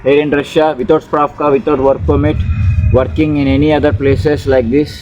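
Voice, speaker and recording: A man playing a stern police officer who questions a student slowly and deliberately in English for a comedy sketch. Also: a little high, little pitch movement, lo-fi sound, background noise. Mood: stern questioning.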